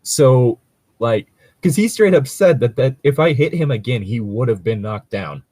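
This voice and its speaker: Speaking at normal speed in an animated, dark, mid-range voice with a breathy edge, this co-host reads and discusses tabletop gaming stories. He chats casually, rambles, jokes, and swears a little, all on a dry recording.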